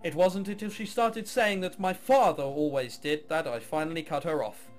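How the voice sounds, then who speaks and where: Over soft background music, a man with a voice on the high side reads through a visual novel for a let's play at a moderate pace. He narrates the story and tosses in sarcastic, mock-exasperated comments.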